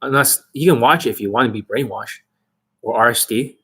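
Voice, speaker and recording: A young man who works as a dating coach rants to camera, blunt and cursing, peppering viewers with rhetorical questions. His medium-pitched voice is a little fast, pushed and bright, and slightly rough.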